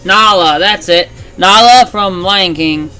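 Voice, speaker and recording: A woman's voice: mid-range voice, slow pace, bright, forceful tone, smooth, faint music behind, poor audio. Hiccuping woman unboxing toys. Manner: chatty, narrates what she unboxes. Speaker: channel host. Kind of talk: casual toy unboxing chat.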